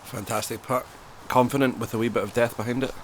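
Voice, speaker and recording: A man's voice: medium pitch, steady tone, quick pace, slight background noise. A man giving conversational golf-style commentary as a co-commentator at a disc golf tournament.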